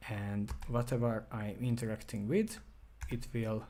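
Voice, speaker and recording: A man's voice: lowish voice, little pitch movement, measured pace, mellow. A man with a Hungarian accent, a native Hungarian speaker, thinking aloud and apologizing as he demonstrates a controller during a live stream. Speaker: product demonstrator. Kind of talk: live-stream product demo.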